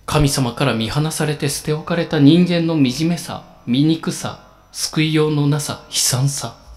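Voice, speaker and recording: A man preaching a sermon as a pastor, in a slow, solemn and measured delivery with emphatic pauses. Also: mid-range voice.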